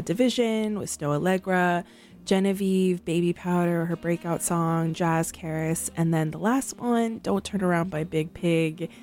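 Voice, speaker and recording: A young woman with a low voice hosts a radio show, chatting loosely between tracks. She rambles and fills her talk with ums and likes, and faint music plays behind her. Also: darkish tone. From San Francisco. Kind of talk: casual radio chat between songs.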